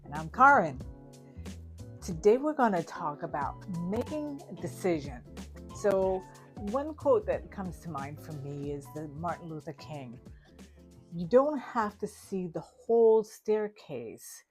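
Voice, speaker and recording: A woman in her fifties with a notably low voice co-hosts a relaxed podcast conversation. She talks in a reflective, easygoing way and laughs often. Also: unhurried, faint music behind. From Denmark. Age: 50s. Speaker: podcast co-host, therapist. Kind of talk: casual chat.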